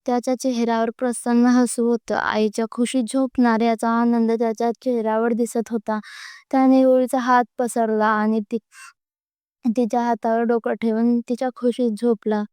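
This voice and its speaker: A woman reads a story aloud in a plain, steady way, now and then stopping to restart a word. Her voice is clear and slightly high with little melody. The recording is close and dry. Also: moderate pace, dry recording. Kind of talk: storybook narration.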